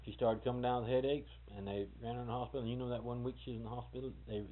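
A man's voice: mid-range voice, little pitch movement, racing. A man, rambling and correcting himself as he tells family history in a casual interview. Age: 40s. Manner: rambling, folksy, self-correcting. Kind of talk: casual oral history talk. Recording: tinny old tape with hiss.

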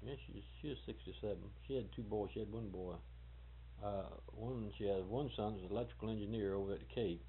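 A man in his 40s talks quickly in a voice on the low side, telling family stories in a casual oral history interview. He meanders, folksy and often correcting himself. The recording is old, tinny tape with a hiss underneath.

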